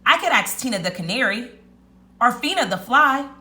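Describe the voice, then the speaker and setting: A woman voicing a clever, excitable little male rat in a storybook read-aloud, with an emphatic, chanting, exclamatory delivery. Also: on the high side, moderate pace, voice pushed up. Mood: pondering.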